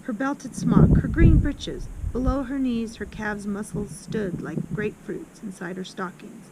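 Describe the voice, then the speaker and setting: A woman reading a children's book aloud, expressive, with small slips and restarts. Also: medium pitch, unhurried. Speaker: reader. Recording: loud background noise with passing traffic.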